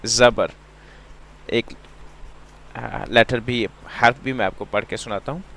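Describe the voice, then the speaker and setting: Man, Quran reading teacher, unhurried, mid-pitched, patient, repeats sounds, mixes in English. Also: creaky, fairly bright tone. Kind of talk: slow step-by-step lesson.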